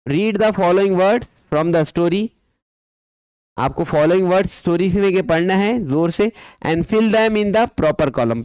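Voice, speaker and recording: A man's voice: a little high, darkish tone, no room sound, low-quality recording. A man teaching a school English lesson, switching between Hindi-Urdu and English and repeating words for students.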